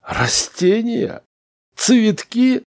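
A man's voice: mid-range voice, big pitch swings, a little slow, dark tone, no echo, studio quality, voice pushed up. A man voicing Smith, an agitated, incredulous male space traveler, in a strained, disbelieving tone.

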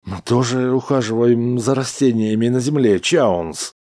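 A man's voice: medium pitch, a little slow, mellow, no room sound, clean studio sound, voice pushed up, natural voice. A man voicing Smith, an agitated, incredulous male space traveler, in a strained, disbelieving tone.

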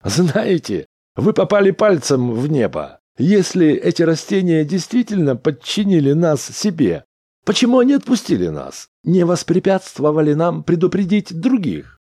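A high, strained voice for an agitated space traveler who keeps doubting everything he hears, as a male reader puts him on. The tone is disbelieving and tight, lifted well above the reader's low, dark register. It is dry and close, in the style of an audiobook reading. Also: sing-song, moderate pace, husky, dry recording. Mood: incredulous.

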